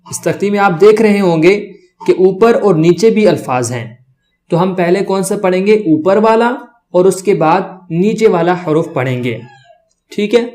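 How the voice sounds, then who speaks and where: A man teaching the Arabic alphabet to beginners, drawing out each letter sound slowly and often checking in with his learners. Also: high-pitched, expressive, darkish tone. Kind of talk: children's reading lesson.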